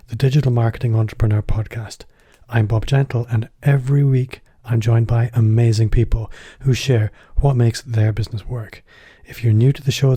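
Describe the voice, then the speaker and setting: Recorded with studio quality and no echo, this man's medium-pitched voice is mellow with a breathy edge. He's the host of a business podcast interview, chatting in a slightly self-deprecating way and framing questions loosely.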